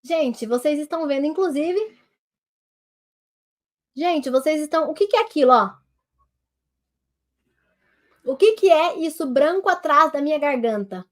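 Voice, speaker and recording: Over a simple webcam, a Brazilian doctor with a Brazilian Portuguese accent teaches telemedicine in an online lesson, talking at normal speed. A head cold makes her high-pitched voice a little nasal. She speaks to viewers as a group in a lively, hands-on way, demonstrating on herself.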